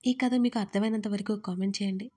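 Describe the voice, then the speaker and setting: A woman narrating a dramatic story in an expressive, measured reading style for her channel. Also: medium pitch, slightly rough.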